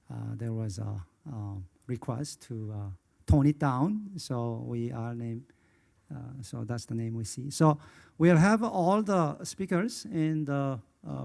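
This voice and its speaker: A man's voice: medium pitch, gravelly, warm tone. A man from Indonesia moderating a conference panel, hesitant and full of filler sounds.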